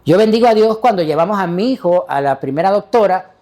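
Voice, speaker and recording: A man's voice: sits high, lively intonation, fast talker, a little mellow. A male pastor delivering a sermon, preaching emphatically and putting rhetorical questions to the congregation.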